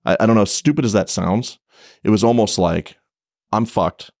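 A police officer on a podcast, speaking in a very deep voice. The sound is dry and close, with no room around it. He tells his story bluntly, full of profanity and restarts. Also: moderate pace, vocal fry, a little mellow, dry recording.

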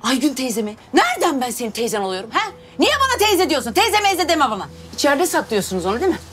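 A furious shouting mother. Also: sits high, sing-song, fast talker, a little hiss or hum. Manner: shouting, accusing, scolding. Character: furious overprotective mother, middle-aged woman. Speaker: actress in a TV drama.

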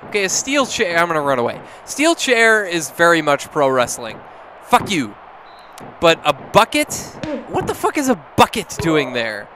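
A drunk man commentating on a wrestling video game, swearing, shouting and laughing at what happens on screen. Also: fairly high pitch, big pitch swings, moderate pace, a little hiss or hum. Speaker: gameplay commentator. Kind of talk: drunk let's-play commentary. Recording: game music behind the voice. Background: video game music.

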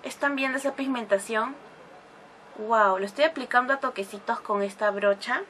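This woman, a beauty vlogger, narrates a makeup tutorial at a normal speed, chatting through each step and gushing over the products in bursts. Her voice is a little high with a fairly bright tone, and slight background noise can be heard.

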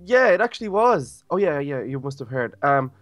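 A man playing a friendly, excitable young turtle teacher in an improvised video game roleplay, chatty and casual. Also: a little high, normal speed, dry recording, soft background music. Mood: explaining.

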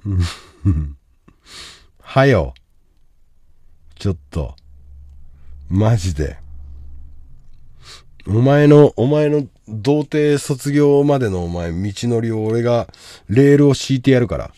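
A man hosting a livestream, reading out a viewer's love troubles and impatiently insulting him to join the call, dropping to mutters and then bursting into shouts. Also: medium pitch, lively intonation, slow pace, long pauses, no echo, clean studio sound. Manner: brash, insulting, impatient, swinging from mumbles to shouts. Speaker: livestream host giving advice. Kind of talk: livestream chat reading comments.

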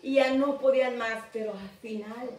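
A woman's voice: a little high, steady tone, normal speed, darkish tone, dull audio. A woman telling a Bible story to children as their teacher, asking them questions as she goes. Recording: echoey room, mic far off.

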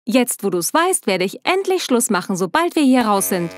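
A woman voicing a teenage girl, a former rival, who speaks in a soft, soothing way. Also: a little high, sing-song, moderate pace. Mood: troubled.

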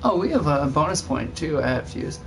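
A man's voice: fairly high pitch, expressive, moderate pace, vocal fry, a bit bright. A young man doing casual let's play commentary as the host of a gaming video. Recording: game sound behind the voice. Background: game dialogue and ambience.

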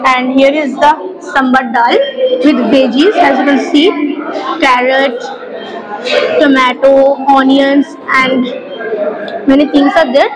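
A young Indian woman with a Bengali accent reviews dishes for a casual food vlog, eagerly letting out short exclamations as she tastes. Her high, steady voice goes slowly with frequent pauses, captured on a clip-on lapel mic amid the crowd chatter of a busy indoor restaurant.

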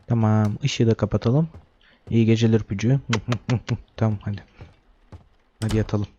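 A man's voice: on the low side, steady tone, moderate pace, warm tone, highs cut off, a little hiss or hum. A young man giving joking horror game commentary, talking to the baby character and reading game text aloud. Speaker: gaming YouTuber.

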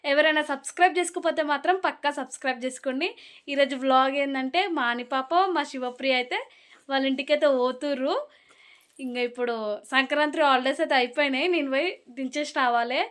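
A woman's voice: high voice, steady tone, fast, a bit bright. A young woman, chatting casually to camera in a vlog, switching to soothing a crying child now and then. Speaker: vlogger.

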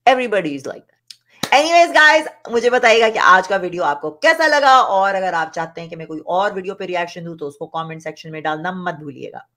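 A woman's voice: lowish voice, lively intonation, normal speed, bright, forceful tone. A woman giving an opinionated reaction commentary, emphatic and repetitive, mixing in English phrases. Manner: emphatic, repetitive, switches between Hindi and English. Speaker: reaction vlogger.

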